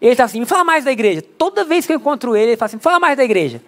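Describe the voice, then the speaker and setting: A man's voice: extremely high pitch, sing-song, rapid-fire, a bit bright. A young adult man preaching a conversational sermon in a church, with frequent rhetorical asides to the congregation. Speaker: pastor.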